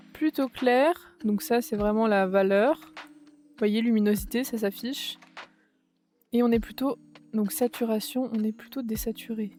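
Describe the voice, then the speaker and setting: A young woman talks casually, filling her sentences with hesitations and quick self-corrections. Her voice sits a little high with a mellow, warm tone, and faint music plays underneath. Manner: chatty, lots of fillers and self-corrections. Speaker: YouTuber. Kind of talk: casual chat while playing a color game.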